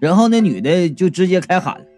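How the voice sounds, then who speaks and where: A male storyteller with a slightly high voice reads a comic ghost story in the first person, his pitch swinging lively from line to line. He drops in wry, jokey asides along the way. Faint music plays under the narration. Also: fast.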